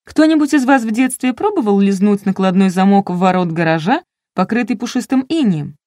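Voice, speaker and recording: A woman's voice: medium pitch, animated, fairly quick, mellow, no room sound, studio quality. Wry woman reading an audiobook. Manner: wry, ironic storytelling. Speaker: audiobook narrator. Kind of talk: first-person audiobook reading.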